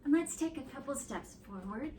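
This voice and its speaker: A woman leading a preschool yoga class, giving gentle, sing-song prompts to children. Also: high-pitched, animated, normal speed, noisy background. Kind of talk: guided kids' yoga instruction. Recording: echoey room, mic at a distance.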